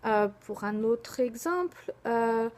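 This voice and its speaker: A young woman giving a recorded slide presentation, pausing often with fillers and spelling words out letter by letter. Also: fairly high pitch, expressive, darkish tone. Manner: hesitant, frequent filler pauses.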